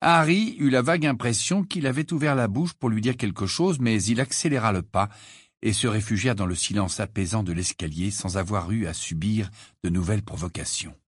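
Husky man reading a story aloud. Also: on the low side, a little fast, no echo, studio quality. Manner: lively storytelling, acts out characters. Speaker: audiobook reader. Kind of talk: expressive audiobook narration.

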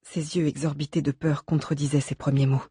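A man reads an audiobook in a measured, steady way. His voice is husky and sits fairly high. The sound is dry and close. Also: no echo. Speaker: audiobook narrator. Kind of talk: scripted narration.

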